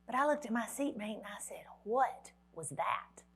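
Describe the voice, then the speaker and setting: A woman's voice: mid-range voice, expressive, normal speed, fairly bright tone, breathy edge. A woman, giving a motivational keynote at a conference and telling a dramatic story with wry humor. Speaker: motivational speaker. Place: conference hall.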